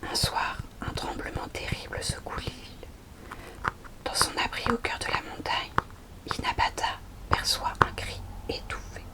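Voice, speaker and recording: A young adult woman presenting books in a soft, unhurried library whisper, in the style of an ASMR recommendation video. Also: rough recording. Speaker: ASMR host recommending storybooks. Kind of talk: whispered ASMR book talk.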